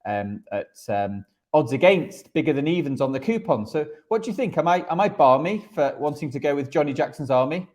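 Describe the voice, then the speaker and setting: Speaking a bit quickly in a fairly high, expressive voice with a darkish tone, a man shares football betting tips and analysis on a podcast. He keeps it conversational, though he at times hesitates and repeats words.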